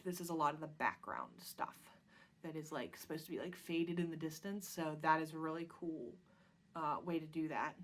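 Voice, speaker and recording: A woman with a slightly low voice talks through her stitching projects in a loose, rambling show-and-tell. She fills the gaps with ums and restarts her sentences as she goes, like a relaxed chat at home. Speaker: cross-stitch vlog host.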